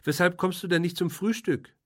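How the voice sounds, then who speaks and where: A man's voice: high voice, moderate pace, voice pushed up. A man voicing a nosy, humorless woman who gossips and questions her brother insistently. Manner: insistent, know-it-all questioning.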